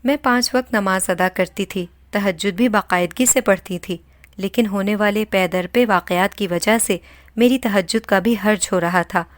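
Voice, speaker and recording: A woman narrates a dramatic first-person tale in a steady, measured storytelling voice. Her pitch is mid-range, and the recording is dry and close, with no room sound. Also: dry recording.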